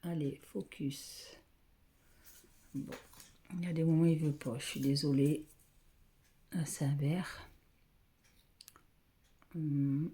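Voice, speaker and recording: A woman filming on her phone at home, talking softly and often half-whispering, hesitant and repeating herself as she names colors. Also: low-pitched, steady tone, a little slow, pauses often. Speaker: craft vlogger showing thread colors. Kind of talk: casual show-and-tell. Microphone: phone camera.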